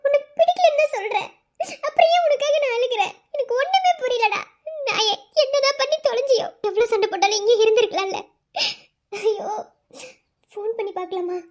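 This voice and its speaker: A woman voicing a shrill, tearful young cartoon girl. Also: brisk. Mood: anxious. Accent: Madurai Tamil. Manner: sobbing laughs between anxious, self-questioning lines. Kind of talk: cartoon voice acting.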